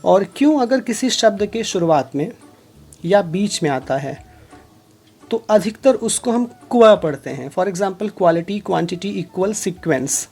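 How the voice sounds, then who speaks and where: A woman teaching English letter sounds in Hindi, reading out example words one at a time in a deliberate way. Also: medium pitch, lively intonation, warm tone, slightly rough. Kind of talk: phonics lesson explained in Hindi.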